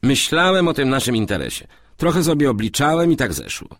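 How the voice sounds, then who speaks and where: A man's voice: medium pitch, huge pitch swings, fairly bright tone, no room sound, studio quality, voice pushed up. A man doing a sly, scheming businessman. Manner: quick, sly and scolding. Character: shrewd scheming male businessman.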